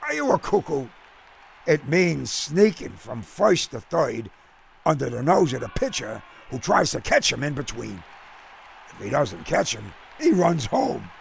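A man voicing an excitable, blunt baseball fan who explains the game impatiently, in a storybook reading. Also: mid-range voice, measured pace, gravelly, slight background noise, voice pushed up, exaggerated voice. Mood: explaining, impatient. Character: brash, excitable baseball-loving American man.

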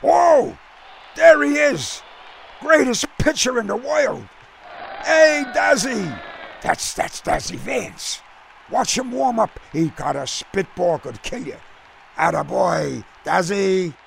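A man voicing an excitable, blunt baseball fan who explains the game impatiently, in a storybook reading. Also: on the high side, a little slow, vocal fry, slight background noise, voice pushed up, heavily acted. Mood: excited, yelling. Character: brash, excitable baseball-loving American man.

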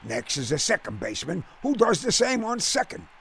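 A man voicing an excitable, blunt baseball fan who explains the game impatiently, in a storybook reading. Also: sits high, moderate pace, vocal fry, a little hiss or hum, voice pushed up, heavily acted. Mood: explaining, impatient. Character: brash, excitable baseball-loving American man.

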